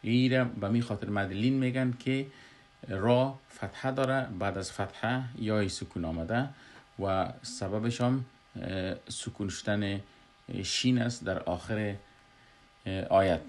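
A man with an Afghan Dari accent explaining a Quran recitation lesson, pausing often with filler sounds. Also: on the low side. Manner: halting, frequent filler hesitations.

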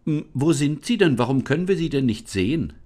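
A man's voice: fairly high pitch, animated, a little fast, a little mellow, pitched above the performer's own voice. A man voicing a fussy, caring mother in a storybook reading, speaking in a raised, urgent voice.

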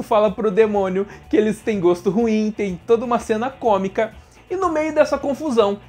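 Lively woman anime video host. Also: on the high side, slightly rough. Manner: lively, addresses viewers directly. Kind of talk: scripted anime explainer narration.

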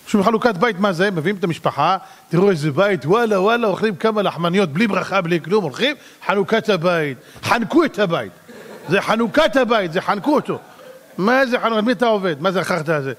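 A rabbi giving an animated sermon, acting out little dialogues and shouting at the peaks. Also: male voice, sits high, long reverb tail.

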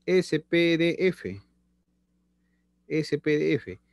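Speaking extremely slowly, with vocal fry and an expressive, slightly high voice, a middle-aged man lectures a chemistry class over a video call from a small indoor room. He repeats phrases and checks in with students through his laptop webcam, and the sound is clean and studio-like with no echo.

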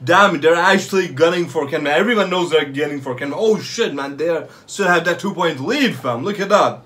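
A young man giving excited live reaction commentary in casual street slang, swearing freely and repeating short phrases. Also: fairly high pitch, brisk. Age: young adult. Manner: casual street slang, like "yo", "fam", "bro", "no cap". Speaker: anime reaction host. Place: small bedroom or home room, indoors.

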